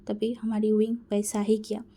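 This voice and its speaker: Female storyteller, expressive and dramatic, mellow tone. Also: mid-range voice, normal speed. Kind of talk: fan fiction narration.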